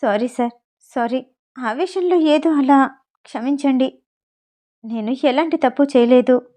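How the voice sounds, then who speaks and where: Young groom, pleading, earnest, slightly lower and quieter, read by a woman, storybook narration. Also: moderate pace, natural voice. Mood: apologetic.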